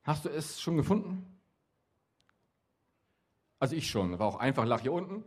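A man's voice: a little high, big pitch swings, normal speed, breathy edge. A middle-aged man who works with youth gives a chatty, joking talk to a young audience and keeps asking them questions. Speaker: youth worker speaking at a youth event.

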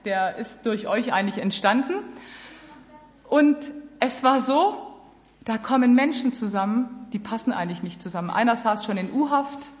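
Preaching at normal speed with lively intonation, a woman with a fairly high voice addresses her congregation earnestly and head-on. The sound is muffled and dull, and a long reverb rings through the big hall.

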